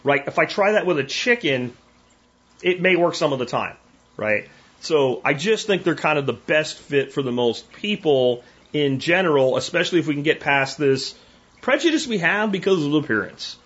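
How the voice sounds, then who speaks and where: A man's voice: fairly high pitch, expressive, normal speed, a bit bright. Folksy opinionated man on lo-fi audio. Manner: folksy, opinionated, with frequent restarts and tag questions. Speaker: homesteading podcast host. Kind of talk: casual live-stream talk answering viewer questions.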